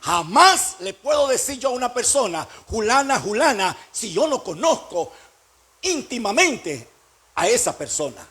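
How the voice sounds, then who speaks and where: A male pastor preaching with a very high, husky voice. His pitch swings widely as he presses his points and asks his listeners rhetorical questions. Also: a bit bright. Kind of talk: sermon.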